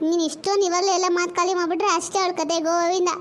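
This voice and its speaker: A woman's voice: very high-pitched, level tone, very fast. A woman playing a cheeky young woman, the bride's sister, who teases everyone in a home-made family drama. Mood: teasing. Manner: teasing, sassy.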